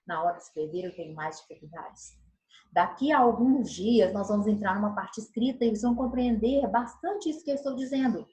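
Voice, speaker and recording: Lively woman teaching on video. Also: mid-range voice, echoey room, poor audio. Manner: animated, gestures while explaining; acts out tones of voice as examples. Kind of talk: recorded video lesson. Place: room, recording alone.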